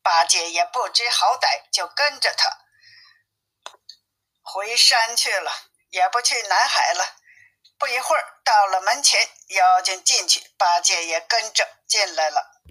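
Woman narrator, storybook reading, bright voice, husky texture. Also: mid-range voice, measured pace, poor audio. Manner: lively, expressive reading. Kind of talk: storybook narration of a classic tale.

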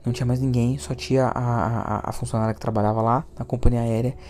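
A man with a Brazilian accent, hosting a podcast and telling a personal story in a lively way, repeating words for emphasis. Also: mid-range voice, quick pace, soft background music. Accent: Brazilian Portuguese. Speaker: podcast host.

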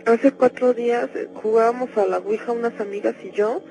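A woman's voice: a little high, steady tone, normal speed, gravelly, dark tone, low-quality recording. A woman playing a frightened teenage girl who calls a radio show, possessed by a demon. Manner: pleading, panicky, breaks into screams. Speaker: caller. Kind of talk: dramatized radio call.

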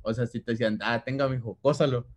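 A man's voice: medium pitch, fairly even intonation, quick pace, slight background noise. A young man with a Mexican accent, chatting with friends and telling a story that he acts out with sound effects and slang. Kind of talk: casual chat among friends.

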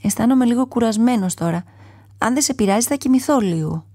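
A woman voicing a tired, sorrowful male circus lion in a storybook, speaking gently. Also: on the high side, lively intonation, no room sound, studio quality, voice pushed up. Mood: weary. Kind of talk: storybook character voice.

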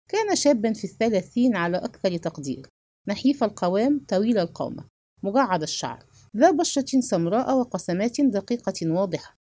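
A woman narrating a first-person novel in an expressive, measured reading. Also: mid-range voice, no room sound.

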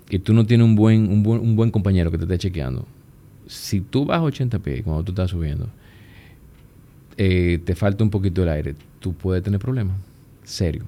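A man with a Dominican accent, chatting as a guest and telling stories in a relaxed, easygoing way. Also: sits low. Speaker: guest, plastic surgeon. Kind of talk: casual conversation.

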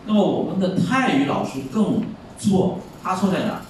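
A man's voice: sits high, lively intonation, darkish tone. Man, Chinese teacher, classroom lecture, tone demonstrations, distant mic, faint noise. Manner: explains by slowly demonstrating tones. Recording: echoey room, far mic, faint noise.

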